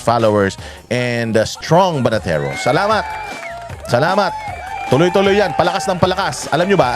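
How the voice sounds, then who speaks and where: A Filipino man hosting a ranting political commentary show, heated, mocking and profane, switching between Tagalog and English. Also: fairly high pitch.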